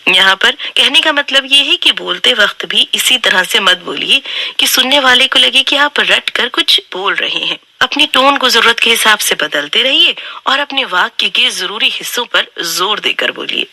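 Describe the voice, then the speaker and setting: A woman narrating a book summary in a steady, instructive, scripted way. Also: on the high side, moderate pace, no room sound.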